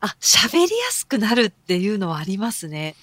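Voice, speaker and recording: Lively-voiced woman, friendly podcast co-host. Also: medium pitch, moderate pace, no room sound. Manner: friendly, agreeing, explains with examples. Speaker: podcast co-host, English teacher. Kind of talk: casual podcast chat about English pronunciation.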